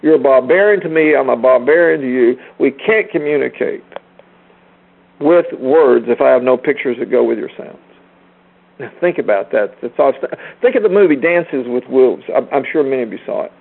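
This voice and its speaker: A man's voice: mid-range voice, expressive, normal speed, creaky, phone-quality sound. A man giving a sermon-like spiritual lecture, emphatic and rhetorical, repeating phrases and addressing his listeners directly. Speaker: speaker teaching a group.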